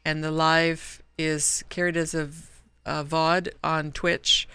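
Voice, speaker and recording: A woman hosting a live writers' stream, talking in a soft, halting way with many restarts. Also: sits low, level tone, clear, resonant tone, no room sound. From Canada. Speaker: host of a writers' open mic stream. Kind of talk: casual chat wrapping up a live stream.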